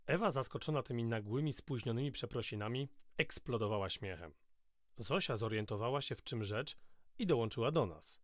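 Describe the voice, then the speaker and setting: A man reading a novel aloud in the first person, in a steady, measured storytelling voice, close to the mic. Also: medium pitch, no room sound. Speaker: audiobook narrator.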